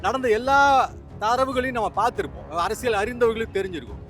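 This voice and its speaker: A man's voice: very high-pitched, quick pace, a bit bright. A man giving argumentative political commentary, firing off indignant rhetorical questions.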